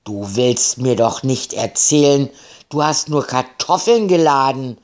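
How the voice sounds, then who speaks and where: A man's voice: medium pitch, expressive, a little slow, natural voice. A man doing a blustering pirate captain. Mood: angry. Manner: loud blustering orders. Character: gruff hot-tempered male pirate captain.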